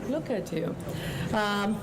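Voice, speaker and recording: A woman giving an informal public speech as a guest official, in deliberate, halting short phrases. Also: medium pitch, expressive. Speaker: government agency director, guest speaker. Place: outdoors on a public street. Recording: outdoor street with loud traffic noise. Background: clear traffic noise.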